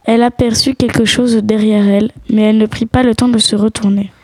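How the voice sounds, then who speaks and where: A woman storyteller narrates a storybook tale in a fairly high, husky, slightly mellow voice. Her delivery is flat and fairly quick, recorded close and dry with no room echo.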